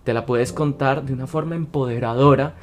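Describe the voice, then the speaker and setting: A man's voice: mid-range voice, steady tone, brisk. A man hosting a casual motivational talk, speaking in an earnest, coaching way. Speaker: podcast host.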